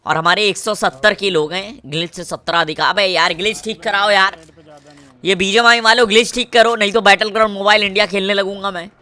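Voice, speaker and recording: A man with a Kanpur Hindi accent commentating his mobile gameplay, with swaggering, crude trash talk and shouts at enemies. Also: high voice, steady tone, fairly quick, no room sound. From Kanpur, India. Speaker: mobile gamer.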